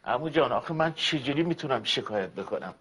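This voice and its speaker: A man's voice: mid-range voice, lively intonation, a bit bright, breathy edge. An actor playing an emotional, deferential grown nephew who keeps thanking his uncle. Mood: tearful. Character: soft-hearted grateful nephew, grown man.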